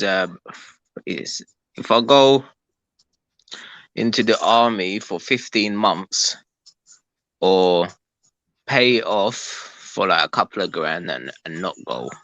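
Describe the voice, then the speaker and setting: Man, low bright voice, dry close sound, hesitant casual chat on a call. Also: no room sound, muffled recording. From London, England. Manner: hesitant, many ums and restarts.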